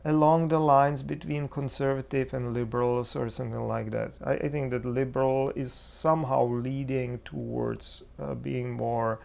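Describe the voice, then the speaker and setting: A Czech man, a preacher appearing as an interview guest, speaks with a Czech accent in a reflective theological discussion, searching for words as he goes. His mid-range voice is creaky and a little mellow, with fairly even intonation, a moderate pace and hardly any pauses.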